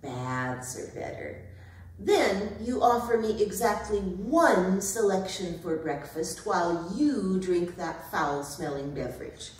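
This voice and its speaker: In a staged dramatic reading at an arts centre, a woman plays Callie, a haughty, stubborn, indignant female pet cat, speaking pompously and formally with precise diction. Her voice is lowish and darkish, slow-paced but lively in intonation, picked up by a distant microphone in an echoey hall.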